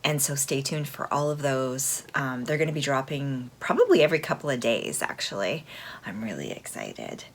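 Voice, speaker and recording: A woman's voice: rumbling low, moderate pace, hardly any pauses. A woman hosting a film review vlog, chatting informally and enthusiastically to her viewers, with a fan running behind her. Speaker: host of a horror film review channel. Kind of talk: casual chat to viewers. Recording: steady fan noise behind the voice.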